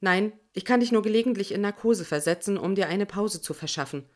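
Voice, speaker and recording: A woman reading a calm neutral AI. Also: medium pitch, brisk, natural voice. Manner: even, matter-of-fact. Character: calm neutral onboard AI of a vehicle. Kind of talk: audiobook reading.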